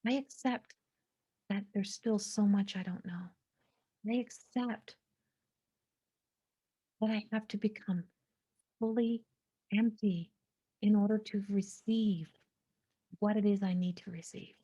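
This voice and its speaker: Soft-spoken reflective woman in her forties. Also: mid-range voice, steady tone, breathy edge. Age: 40s. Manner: soft, slow and introspective, drifting into hushed whispers. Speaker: podcast host. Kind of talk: reflective spiritual monologue.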